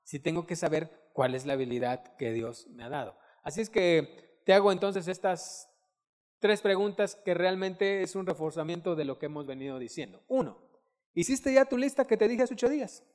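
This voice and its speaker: A middle-aged man preaching a sermon, animated, acting out quotes and breaking into loud shouted bursts. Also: sits high, moderate pace. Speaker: pastor. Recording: long hall reverb.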